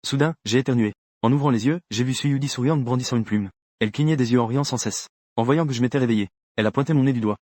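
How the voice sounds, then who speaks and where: A man narrating a first-person story for a comic dub with a rapid, even delivery. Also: mid-range voice, no echo.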